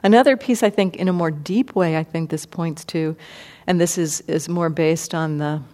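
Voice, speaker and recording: A woman meditation teacher giving a dharma talk, thoughtful and unhurried, pausing and restarting as she explains. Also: sits low, a little mellow. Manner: thoughtful, many fillers and restarts. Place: meditation hall.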